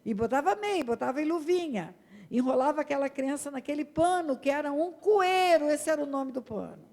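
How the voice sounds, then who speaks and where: A woman's voice: high-pitched, expressive, fairly quick, darkish tone. A woman pastor with a Brazilian accent, preaching emphatically and speaking directly to the congregation in a church hall. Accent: Brazilian Portuguese. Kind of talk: sermon.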